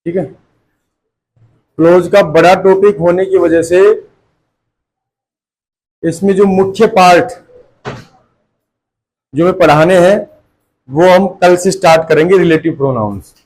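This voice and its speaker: A man's voice: high voice, fairly even intonation, takes it slowly, pauses often, a little mellow, rough recording. A man teaching a grammar class to students, repeating his points and asking again and again whether they follow. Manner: repeats points and checks understanding with constant rhetorical questions. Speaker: tuition teacher. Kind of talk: classroom lecture.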